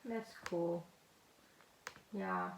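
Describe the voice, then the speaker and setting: A South African podcast co-host speaks very slowly in a lowish voice with fairly even intonation and vocal fry, telling jokey stories in a casual chat. She's indoors at home on a remote call, and there's roomy echo plus faint noise.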